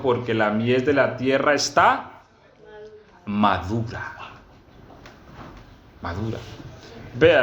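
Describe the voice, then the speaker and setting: A pastor delivers sermon teaching to his congregation at church, reading scripture slowly and emphatically. He keeps asking the listeners questions, and the sound is roomy, dull, and low-fi.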